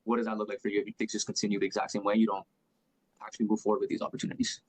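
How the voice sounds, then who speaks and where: A man's voice: on the low side, flat delivery, rapid-fire, slightly rough, dry recording, poor audio. A young man working as a sales closer on a call, asking probing questions and repeating himself with many fillers. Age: young adult.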